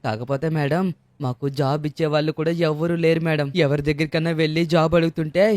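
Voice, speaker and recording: A man with a Telugu accent voices a pleading beggar for a game-video dub. His voice sits high for a man, and his plaintive tone comes through a dry, close recording. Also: fairly even intonation, quick pace, a little mellow, no room sound. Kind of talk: dubbed game-video role-play.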